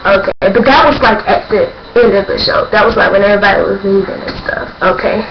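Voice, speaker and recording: A woman's voice: medium pitch, fairly quick. A young woman chatting casually in a vlog, rambling and gushing with lots of fillers. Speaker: vlogger. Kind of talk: casual vlog chat recounting a concert. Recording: dull lo-fi sound with loud background noise.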